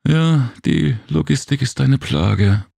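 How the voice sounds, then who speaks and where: A man with a very deep, gravelly voice voicing a playful young female warrior in a storybook reading, speaking in a lilting, coy way. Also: expressive, slow, dark tone, no echo, studio quality, heavily acted. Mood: coy, teasing. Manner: lilting, coy, sing-song.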